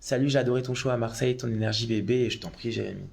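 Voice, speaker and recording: On his phone, a man runs a drag live stream, reading viewer comments aloud and replying in a chatty, excitable way punctuated by sudden loud outbursts. His mid-range voice is gravelly and very fast.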